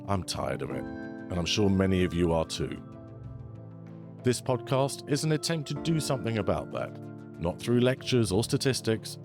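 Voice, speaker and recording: A man hosting a podcast, delivering scripted introductions and interview questions. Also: low voice. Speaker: podcast host, documentary producer.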